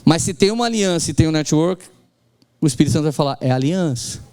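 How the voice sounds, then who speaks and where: A middle-aged pastor from Brazil preaches in a high, lively voice. He acts out the lines he quotes and has the congregation repeat after him. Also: quick pace, clear, resonant tone. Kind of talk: sermon.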